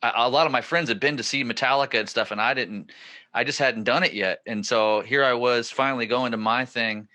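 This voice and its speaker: A man in his forties hosts a podcast and tells a winding story. His voice is bright and forceful, sits at an everyday middle pitch, and rises with excitement as the story peaks. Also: brisk. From northern California. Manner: excited, rambling storyteller who gets louder at the punchlines. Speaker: podcast host. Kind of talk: casual storytelling chat.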